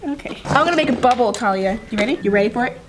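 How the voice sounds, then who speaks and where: High, lively young woman vlogger. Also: very fast, background noise. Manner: cheery and encouraging, squeals with excitement. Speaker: slime vlogger. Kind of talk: casual vlog, teaching a small child. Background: background music.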